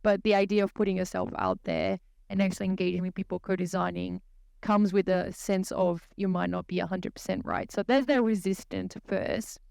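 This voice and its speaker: A woman with a Brazilian accent, explaining her ideas in a thoughtful, measured way as a podcast guest. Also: mid-range voice, steady tone, vocal fry, darkish tone, clear, resonant tone, no room sound, clean studio sound. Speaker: guest consultant. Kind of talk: podcast interview.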